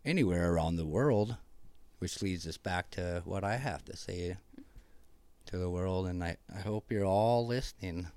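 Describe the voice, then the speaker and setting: Man, yooper accent, very low voice, dry close sound, rambling casual guest chat. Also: measured pace, dark tone, clean tone, dry recording. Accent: Upper Peninsula Michigan (Yooper). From Upper Peninsula of Michigan. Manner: rambling, enthusiastic, many restarts. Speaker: interview guest. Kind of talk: casual conversation.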